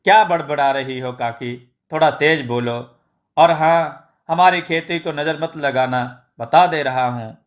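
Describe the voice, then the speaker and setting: A man voicing a half-deaf, boastful young village man who mishears and rambles loudly. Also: on the high side, unhurried, natural voice.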